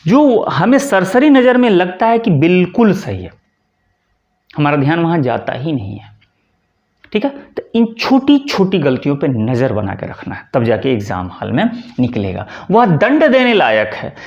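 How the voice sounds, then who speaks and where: A man's voice: high voice, wildly swooping pitch, unhurried, darkish tone. Guy teaching exam grammar, voice jumps all over, asks himself questions, kinda lo-fi. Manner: explains with everyday examples and asks himself questions; repeats key words and says "ठीक है" often. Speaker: Hindi teacher. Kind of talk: exam-prep lecture.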